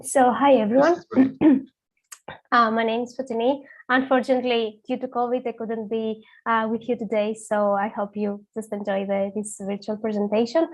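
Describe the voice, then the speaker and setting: A woman's voice: a little high, rough recording. Young woman presenting over a video call. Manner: hesitant, with frequent uh fillers. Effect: speaking remotely over a video call. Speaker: PhD student presenting research. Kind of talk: technical conference talk.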